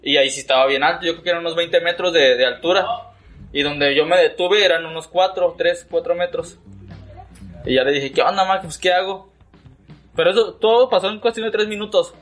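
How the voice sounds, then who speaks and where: A man's voice: on the high side, brisk, fairly bright tone, soft background music. A man with a Mexican Spanish accent, co-hosting a casual chat and telling a story animatedly, swearing and laughing along the way. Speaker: podcast co-host. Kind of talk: casual chat among friends.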